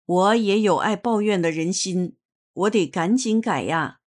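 Woman narrator, unhurried, earnest read-aloud testimony, mid pitch. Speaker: reader of a personal testimony.

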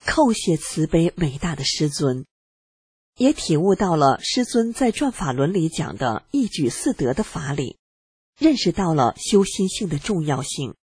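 A reader calmly and earnestly narrating a personal account in the first person, with a husky voice. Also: medium pitch, measured pace, no room sound. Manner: calm, earnest reading.

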